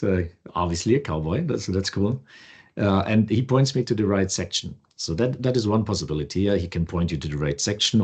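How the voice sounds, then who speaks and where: A man co-hosting a podcast, casually walking through a software demo with loose, restarting phrasing. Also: deep voice, husky. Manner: relaxed, loose, restarts often. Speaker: co-host.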